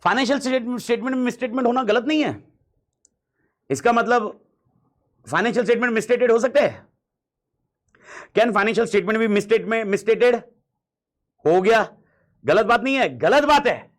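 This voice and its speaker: A high-voiced Indian man with a slightly hoarse throat teaches an audit class. He is emphatic, drills key phrases again and again, and slips English terms into his Hindi. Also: normal speed, long pauses. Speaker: audit lecturer. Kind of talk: classroom lecture.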